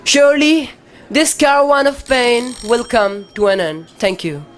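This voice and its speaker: A woman with a Pakistani accent delivering a dramatic declamation speech, theatrical and emphatic, with deliberate, precise elocution in short phrases. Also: fairly high pitch. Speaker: student competitor in a declamation contest.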